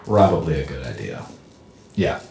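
A man's voice: rumbling low, sing-song, normal speed, vocal fry, a little mellow, full character voice. A man playing a laid-back, bodiless, staticky figure who talks in casual slang. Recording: roomy echo with faint hiss.

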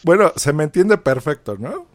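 Lively Mexican man hosting a podcast. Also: on the high side, normal speed, no room sound. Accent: Mexican Spanish. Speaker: podcast co-host. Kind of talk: casual chat.

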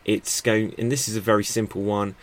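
Chatty man, low voice. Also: flat delivery, a little fast. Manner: chatty, thinks aloud with fillers and restarts. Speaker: podcast host teaching improv. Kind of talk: unscripted instructional talk. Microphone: podcast microphone.

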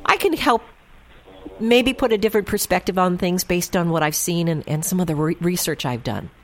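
Low-voiced woman hosting an advice radio show. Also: normal speed. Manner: warm, reassuring, chatty with fillers.

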